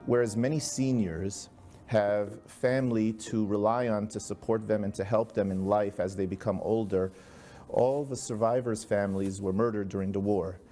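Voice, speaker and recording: A man with a low, dark, mellow voice makes an earnest, urgent case in a news clip. He speaks with steady conviction. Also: moderate pace, faint music behind. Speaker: charity spokesman in news clip. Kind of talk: persuasive explanation.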